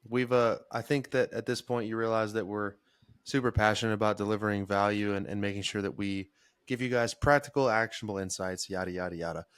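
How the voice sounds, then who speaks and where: A man's voice: on the low side, fairly even intonation, fairly quick, a bit bright, clear, resonant tone, no echo, studio quality. A man in his mid twenties co-hosting a podcast, laid-back and sarcastic, swearing casually. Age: 20s. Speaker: podcast co-host. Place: home office.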